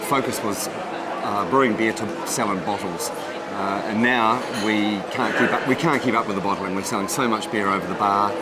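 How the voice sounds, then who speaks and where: Middle-aged New brewer, noisy brewhouse. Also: male voice, lowish voice, normal speed. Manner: steady, with many ums and restarts. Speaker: head brewer. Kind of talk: documentary interview. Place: brewhouse beside a brick kettle.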